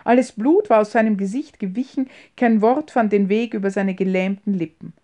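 A woman reading a classic novel aloud as narrator, in a steady storytelling way. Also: medium pitch, normal speed. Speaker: audiobook narrator. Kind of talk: scripted narration.

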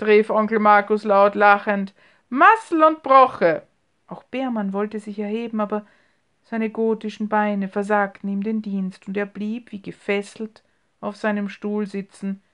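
A woman reads a story aloud at an unhurried, deliberate pace. Her narration is measured and drops to a hush in places, with a mid-range voice. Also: mid-range voice. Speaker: audiobook narrator. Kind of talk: scripted narration.

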